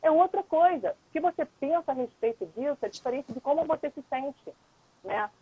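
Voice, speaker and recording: Guesting on a live stream, a woman who works as a lawyer and mediator chats casually, explaining patiently and frequently checking that the listener is following. She has a high, expressive voice and speaks briskly, and the lo-fi stream audio is dull and dry.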